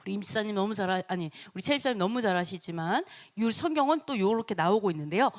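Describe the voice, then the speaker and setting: A woman teaching a church Bible study in an animated way, acting out short quotes and laughing often. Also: medium pitch, fast.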